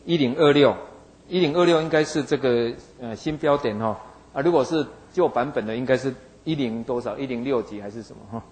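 A man's voice: mid-range voice, brisk, darkish tone, rough recording. A man preaching, retelling a Bible story in a folksy way and acting out the figures in it. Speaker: pastor.

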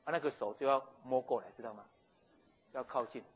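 A man, telling a story in a sermon in an animated, jokey way. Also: medium pitch, a little fast, husky, poor audio. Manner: animated, jokey, with frequent chuckles and restarts. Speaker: pastor.

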